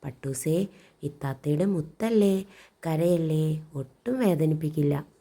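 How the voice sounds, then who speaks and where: A woman voicing a young girl who fusses over her kite like a caring big sister, soothing and scolding it gently in a storybook reading. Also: sits low, animated, unhurried, full character voice.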